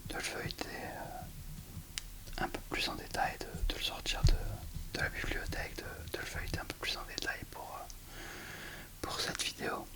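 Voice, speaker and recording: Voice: normal speed, long pauses. A person whispering a book presentation for ASMR, speaking in a hesitant, self-deprecating way into a close mic. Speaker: ASMR video creator.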